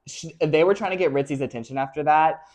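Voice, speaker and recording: A woman co-hosting a casual podcast, with a voice a little lower than most women's. She tells the story with animation, acting out what each person said. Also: quick pace. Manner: animated storyteller who acts out other people's lines. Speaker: podcast co-host. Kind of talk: casual chat.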